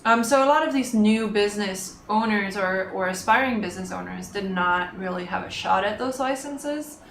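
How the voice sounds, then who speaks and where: A woman's voice: mid-range voice, moderate pace, fairly bright tone. A woman reporter explaining news in casual chat, thoughtful and hesitant with frequent ums. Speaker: business reporter, guest. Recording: echoey room, faint noise.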